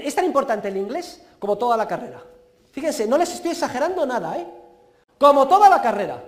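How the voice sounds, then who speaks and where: A man's voice: high voice, darkish tone. A middle-aged man from Spain with a Peninsular Spanish accent, lecturing students and giving them advice in an emphatic, exhorting way with dry humor. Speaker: university lecturer.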